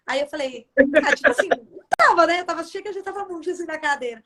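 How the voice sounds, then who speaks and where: Brazilian woman, gospel singer, high voice, emotional testimony over a video call. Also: animated, very fast, a bit bright. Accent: Brazilian Portuguese. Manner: emotional storytelling, acts out her own past words. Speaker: gospel singer, interview guest. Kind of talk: casual testimony in a radio interview.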